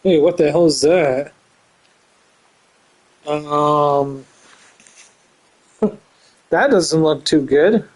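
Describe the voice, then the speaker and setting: A male streamer musing through a game live, halting as he reads notes aloud. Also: on the high side, rough recording.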